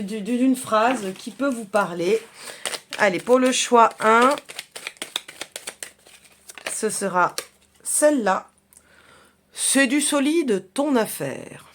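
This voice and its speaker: Woman, casual tarot reading, chatty, hesitant, lots of fillers, mid-pitched voice. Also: slight background noise. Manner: chatty, many fillers and restarts. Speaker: tarot reader.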